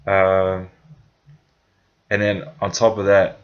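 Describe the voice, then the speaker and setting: A young New Zealander with a New Zealand accent casually tells his own story in a vlog, rambling with lots of fillers and self-corrections. His voice sits low and is monotone, and he takes his time. The sound is lo-fi.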